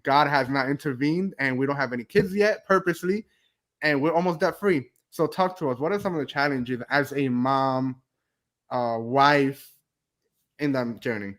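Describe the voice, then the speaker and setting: Man hosting a relaxed video-call interview. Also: mid-range voice, moderate pace. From New Jersey, USA. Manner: rambling, restarts questions, faith-minded. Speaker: host. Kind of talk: casual interview chat.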